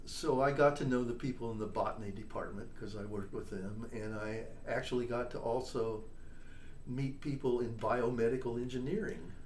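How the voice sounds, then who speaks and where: An older trombonist and composer, interviewed as a guest, tells stories casually in a mid-range, slightly mellow voice with fairly even intonation at normal speed. He's chatty, tagging points with "all right?" and "you know?". The echoey room, distant mic and faint noise shape the sound.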